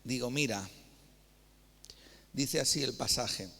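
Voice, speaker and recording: Preaching in a church hall whose long reverb trails his words, a Spanish man from Spain reads scripture and tells anecdotes in a lively storytelling way, acting out dialogue. He speaks at a medium pitch and takes it slowly.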